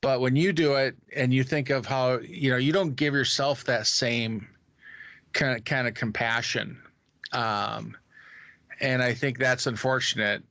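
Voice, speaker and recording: Man, bright forceful tone, dry close mic, reflective podcast chat. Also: medium pitch, steady tone, unhurried, no room sound. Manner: reflective, thoughtful, hesitant fillers. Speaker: podcast co-host.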